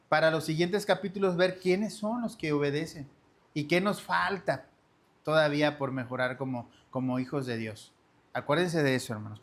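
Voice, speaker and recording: A man teaching a church discipleship lesson in an earnest sermon style, often addressing his listeners as brothers and sisters. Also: on the high side.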